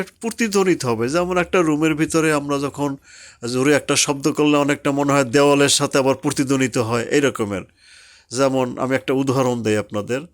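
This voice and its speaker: A man teaching Quran recitation rules patiently, drawing out the example words slowly. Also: fairly high pitch. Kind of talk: slow explanatory tajweed lesson.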